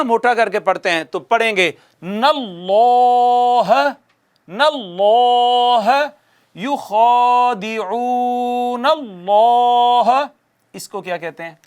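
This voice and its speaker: A man teaching Quran recitation rules on television, explaining patiently, quizzing viewers and reciting words slowly for them to repeat. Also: high-pitched, a bit bright. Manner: asks the audience questions and answers them himself. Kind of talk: televised tajweed lesson.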